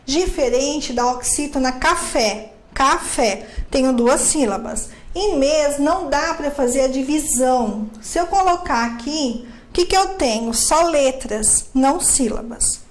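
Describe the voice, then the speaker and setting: A woman's voice: high voice, unhurried, darkish tone, echoey room, slight background noise. A woman teaching a grammar lesson, explaining step by step and asking and answering her own questions.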